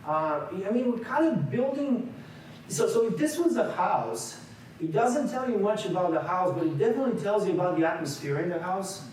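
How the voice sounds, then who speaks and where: In a large echoey meeting room, recorded from far off with a little hiss or hum, a workshop leader in his forties from Bulgaria gives an interactive seminar lecture. His voice sits high with a darkish tone, expressive and at a moderate pace. He speaks conversationally, with frequent restarts and questions to the room.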